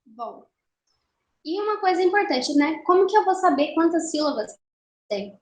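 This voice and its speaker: High-voiced woman teaching in an echoey room. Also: sing-song. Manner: explanatory, slows to count syllables aloud. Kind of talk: recorded online literature lesson. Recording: roomy echo.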